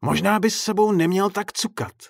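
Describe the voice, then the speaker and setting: A man voicing a menacing, theatrical male circus clown in a story read aloud, with a husky, mocking showman's sing-song. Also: high-pitched, dry recording, clean studio sound, pitched above the performer's own voice.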